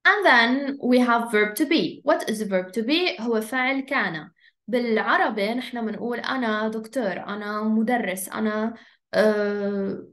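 Woman teaching English slowly. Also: a little high, fairly bright tone, echoey room. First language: Arabic. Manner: switches between slow English and rapid Arabic explanation. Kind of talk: online beginner English lesson.

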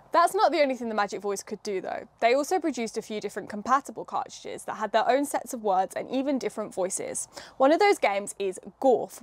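A young woman hosting a casual hands-on demo, chatting and explaining each step with a few fillers. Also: a little high. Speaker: host.

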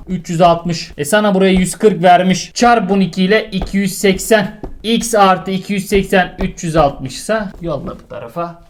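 A man's voice: sits high, fairly bright tone. A man tutoring geometry in a comic lesson, scolding his student in an exasperated, crude way with swearing. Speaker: math tutor.

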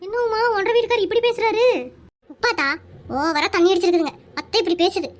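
A woman voicing a shrill, nagging village housewife in a cartoon. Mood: scolding. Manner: shrill, nagging, quick to scold. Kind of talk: animated cartoon dialogue.

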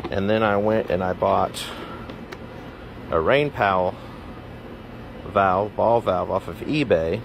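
A man casually explaining a do-it-yourself build outdoors, plain-spoken and relaxed, with some fillers, filmed on a handheld phone. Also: low-pitched, noisy background. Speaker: DIY vlogger. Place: outdoors in a yard.

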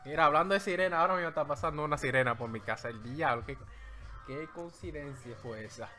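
A man's voice: on the high side, quick pace, pushed and bright, soft background music. A man with a Dominican Spanish accent, streaming from home as he draws and giving playful, rambling commentary into a desk microphone. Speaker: streamer drawing live. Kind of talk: joking running commentary while drawing.

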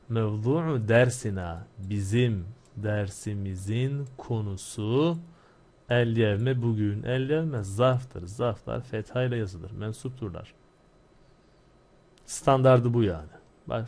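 On the low side with a darkish tone, a man teaches Arabic grammar, explaining step by step and posing and answering his own questions. He slows down to read Arabic phrases, then speeds through the explanations.

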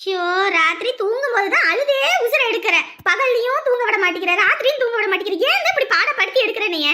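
A woman playing a harried young mother scolding her crying baby at night, in a shrill, exasperated voice with a Tamil Nadu accent. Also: expressive, a little fast, background noise. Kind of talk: family drama acting.

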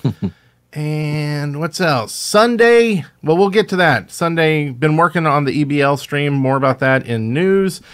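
A man's voice: a little high, expressive, measured pace, clear, resonant tone. Rambling man on a podcast. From Alabama, USA. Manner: rambling, with many fillers and restarts. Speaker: podcast co-host. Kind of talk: casual chat.

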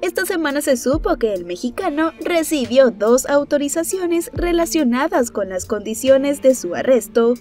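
A woman narrating entertainment news in a brisk, even newsreader delivery. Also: high voice.

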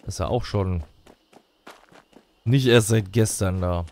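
A man's voice: on the low side, slow, darkish tone. A man giving casual, colloquial let's play commentary, musing to himself as he goes.

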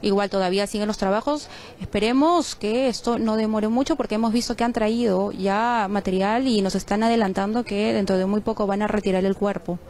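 A woman from Peru delivering a live news report from a crime scene, measured and a little halting. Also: mid-range voice, fairly even intonation, darkish tone. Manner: measured, with frequent fillers. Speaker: field reporter. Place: outdoors on a street at a crime scene.

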